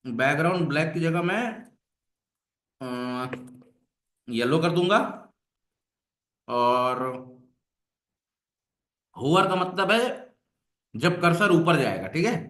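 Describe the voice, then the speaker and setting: A man's voice: fairly high pitch, expressive, slow pace, pauses often, fairly bright tone. A man teaching a coding lesson to a class, coaxing and repeating questions to his students. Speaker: web development instructor. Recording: echoey room.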